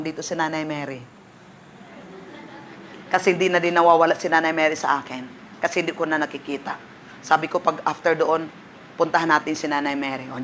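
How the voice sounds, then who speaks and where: Female Filipino pastor, animated testimony sermon, faint noise behind. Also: mid-range voice. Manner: animated storytelling, switching between Tagalog and English.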